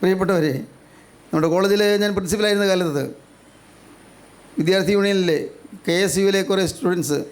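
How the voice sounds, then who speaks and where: An older man from Kerala preaching a sermon, slow and deliberate, repeating phrases emphatically and asking rhetorical questions. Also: high voice, a little mellow.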